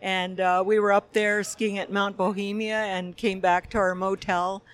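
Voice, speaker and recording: A woman from Quebec, Canada, a film director being interviewed at a festival, talking thoughtfully with frequent pauses. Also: mid-range voice, flat delivery, a little hiss or hum. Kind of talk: conversational interview.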